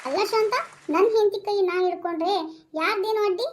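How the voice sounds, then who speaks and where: A woman's voice: very high voice, slight background noise. A young woman voicing a playful elderly father-in-law who teases and sings to his wife. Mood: teasing. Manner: teasing, sings to his wife in a drawn-out croon.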